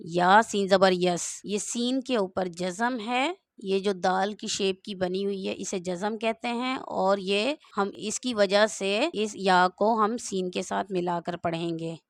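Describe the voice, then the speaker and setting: A woman's voice: mid-range voice, no room sound, studio quality. A woman teaching Quran reading, patiently spelling out each word letter by letter and repeating it. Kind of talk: slow step-by-step recitation lesson.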